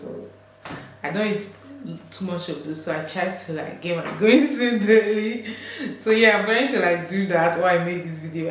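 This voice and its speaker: A young woman from Nigeria with a Nigerian accent, chatting casually and ramblingly to her channel's viewers as a vlogger. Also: medium pitch. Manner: chatty, rambling, giggles between phrases. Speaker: YouTuber, channel host. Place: home kitchen, indoors. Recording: very echoey, reverberant room.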